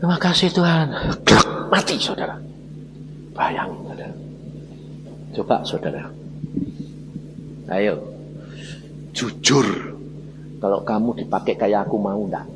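Animated preacher in a reverberant hall. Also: male voice, on the low side, measured pace, gravelly, long pauses, noisy background. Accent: Javanese-tinged Indonesian. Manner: animated storytelling, acts out dialogue, addresses listeners as saudara. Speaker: evangelist preacher. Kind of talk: sermon testimony. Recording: reverberant hall with faint ambience.

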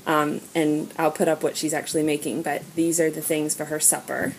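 A low-pitched American woman home vlogger does a casual, chatty haul voice-over while filming items on a handheld camera or phone. She speaks fairly quickly with a level tone, and the amateur recording is noisy, with clicks.

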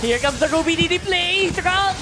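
A woman with a Filipino accent giving animated, exclamatory live commentary on an esports match. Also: very high-pitched, normal speed. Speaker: esports shoutcaster. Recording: loud music behind broadcast commentary.

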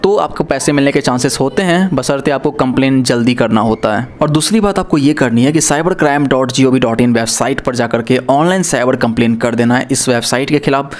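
A man's voice: medium pitch, a little fast, hardly any pauses. A young man explaining an online job scam to camera, earnest and cautioning, speaking to viewers as friends in a plain indoor room. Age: young adult. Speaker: YouTube cyber-awareness presenter.

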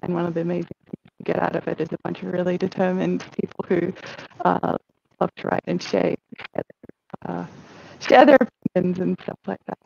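Woman, breaking-up call audio, dull lo-fi sound, gravelly fry, dry, giggly and halting. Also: fairly low pitch, fairly even intonation, darkish tone, slight background noise. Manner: giggly, halting, many restarts. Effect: breaking-up connection, voice cutting in and out. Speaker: interviewer at a book launch. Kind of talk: casual video-call interview. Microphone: headset on a video call.

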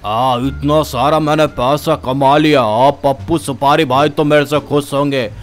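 A man's voice: mid-range voice, steady tone, a little slow, lightly acted. A man voicing an angry male gangster boss who scolds and threatens his men. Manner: barking, scolding.

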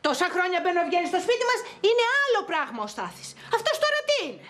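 A woman's voice: extremely high pitch, huge pitch swings, a bit bright, full character voice. An actress playing an anxious wife and mother, agitated and complaining.

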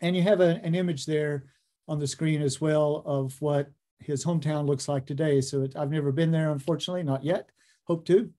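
A middle-aged American man lecturing conversationally over slides, pausing often with ums as he thinks. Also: fairly high pitch, fairly even intonation, mellow. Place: indoor room, video call.

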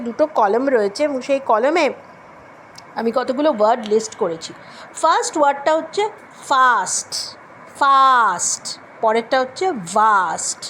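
A woman teaching spoken English in a classroom lesson with a Bengali accent, slowly modeling word pairs. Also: high-pitched, slight background noise.

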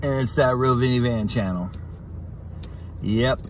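A middle-aged man talking casually and candidly to a phone in a parked car, confiding and halting, with pauses and repeats. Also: mid-range voice. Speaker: vlogger, channel host. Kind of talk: casual, candid talk to the camera. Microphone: phone at arm's length. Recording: noisy in-car phone recording.

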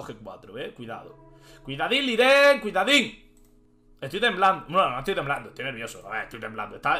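A man, a chess streamer thinking aloud and commenting live as he plays, excitable and prone to shouting outbursts. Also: mid-range voice. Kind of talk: live commentary while playing online chess.

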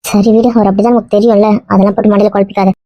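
A woman playing a quick, soothing young friend. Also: medium pitch, level tone, dry recording, highs cut off, natural voice. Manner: soothing, coaxing. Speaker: actor. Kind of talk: web series drama acting.

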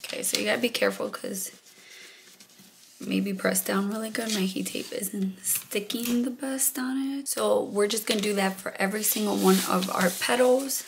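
A woman hosting a craft video, explaining each step in a relaxed, thinking-aloud way and a bit out of breath. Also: mid-range voice, normal speed, gravelly, background noise. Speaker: crafting channel host. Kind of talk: casual how-to narration.

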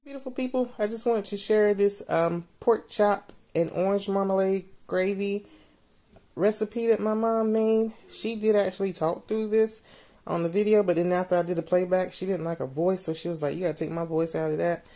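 A woman hosting her cooking channel, chatting casually in relaxed slang, a little stuffy from allergies. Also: medium pitch, moderate pace. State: congested from allergies. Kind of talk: casual vlog intro.

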